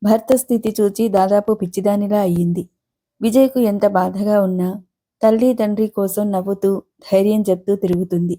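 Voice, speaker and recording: A woman narrates a novel in a measured storytelling manner. Her voice is mellow and dark. Its pitch sits in an ordinary middle range. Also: steady tone. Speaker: audiobook narrator. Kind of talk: reading a novel aloud.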